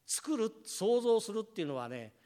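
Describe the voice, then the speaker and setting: A man delivers a sermon in a high, animated voice that swings widely in pitch. He tells stories vividly, acting out the words of the people in them, and speaks straight to the congregation. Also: moderate pace, clean tone. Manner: storytelling, acts out family members' words; addresses congregation directly. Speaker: pastor. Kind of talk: sermon with personal anecdote.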